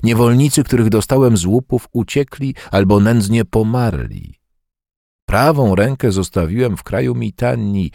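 A man's voice: lowish voice, expressive, moderate pace, vocal fry, warm tone, no room sound, clean studio sound, pitched above the performer's own voice. A man reading an audiobook, voicing a bitter, toothless, one-armed old war veteran who speaks with scorn. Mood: boastful lament. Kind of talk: audiobook character voice.

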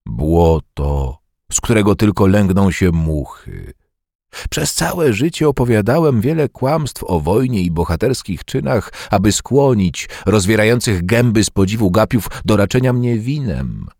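A man's voice: fairly low pitch, lively intonation, unhurried, vocal fry, darkish tone, dry recording, clean studio sound, full character voice. A man reading an audiobook, voicing a bitter, toothless, one-armed old war veteran who speaks with scorn. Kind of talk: audiobook character voice.

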